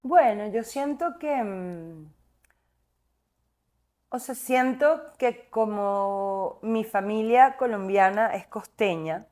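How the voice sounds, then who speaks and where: Taking it slowly, this young Venezuelan woman from Caracas, a singer being interviewed, reflects thoughtfully, wandering through her ideas with many fillers and restarts. Her voice is mid-range and darkish.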